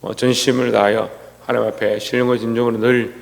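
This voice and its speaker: A man's voice: mid-range voice, flat delivery, a little fast, gravelly, in a large hall. A man, a pastor, giving an early-morning sermon, reading scripture aloud and acting out the complaints of churchgoers. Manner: preaching, reads scripture, acts out quoted complaints.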